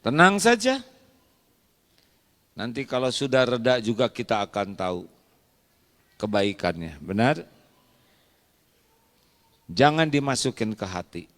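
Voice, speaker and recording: A man's voice: mid-range voice, unhurried, pauses often. A man preaching a humorous sermon, telling jokey stories. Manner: jokey, animated storytelling. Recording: long reverb of a large hall.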